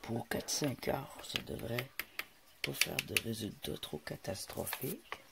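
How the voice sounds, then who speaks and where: A man with a Quebec French accent and a gravelly morning voice full of vocal fry, casually demonstrating something hands-on and hesitating as he searches for words. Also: medium pitch, expressive, a little slow, heavy background noise. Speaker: host showing rock-cleaning experiments. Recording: music playing loudly over the voice. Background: loud music.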